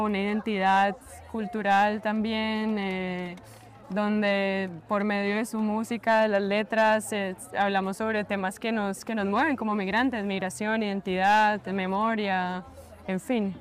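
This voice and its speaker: A woman from Cali with a Colombian accent, a guest DJ talking casually outdoors and pausing to search for her words. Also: medium pitch, little pitch movement, some chatter behind. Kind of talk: casual conversation.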